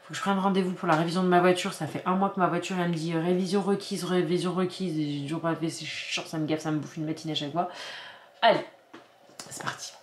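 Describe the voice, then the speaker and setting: A woman in her forties from France chats casually to her camera, often restarting and padding with fillers. Her voice sits low. The room around her is echoey. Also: fairly even intonation, fast talker. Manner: chatty, rambling, many restarts and fillers. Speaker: vlogger. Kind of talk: casual chat. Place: home.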